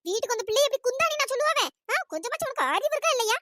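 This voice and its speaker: A performer voicing a domineering older mother-in-law who shouts and berates her daughter-in-law in a cartoon. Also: very high voice, expressive, rapid-fire, very noisy. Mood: scolding. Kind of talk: cartoon voice acting.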